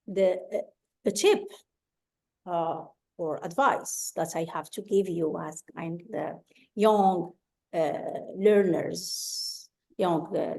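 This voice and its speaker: A woman's voice: fairly low pitch, creaky, mellow. A woman whose first language is Arabic, giving English-speaking tips to students over a video call, hesitant with many fillers and restarts.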